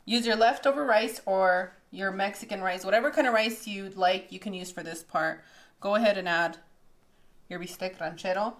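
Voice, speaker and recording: In a bright home kitchen, a woman in her thirties hosts a casual cooking demonstration, chatty, upbeat and quick to laugh. Her voice sits in the mid range and she speaks at a moderate pace.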